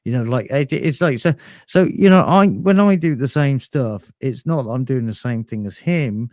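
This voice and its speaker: A man's voice: medium pitch, lively intonation, normal speed, darkish tone, dry recording. A man hosting a comedy podcast, rambling and boastful, with lots of fillers and ironic asides. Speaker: podcast host.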